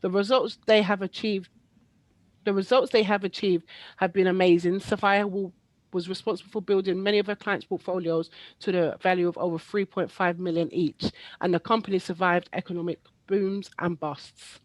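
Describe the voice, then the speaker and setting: A woman's voice: on the low side, fairly even intonation, normal speed, no room sound, low-quality recording. A woman moderating an online webinar, chatty with frequent ums. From East London. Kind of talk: casual online presentation hosting. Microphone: video call.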